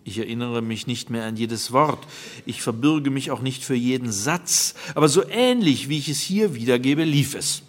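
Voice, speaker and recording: A man's voice: mid-range voice, animated, moderate pace. A man reading a first-person story aloud in a dry, wry manner. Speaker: narrator.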